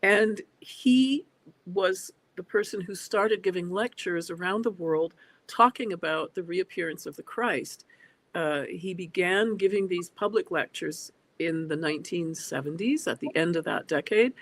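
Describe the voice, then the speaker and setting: A woman in her sixties, a guest speaking over a video call, talking thoughtfully with frequent hesitant fillers. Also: fairly low pitch. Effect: heard over a video call. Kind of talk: reflective interview talk. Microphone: computer on a video call.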